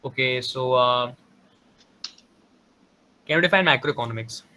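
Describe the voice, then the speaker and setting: A man's voice: medium pitch, a little slow, bright, forceful tone, slight background noise. A man quizzing an applicant in an online interview, asking direct questions with a few fillers. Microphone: computer microphone on a video call.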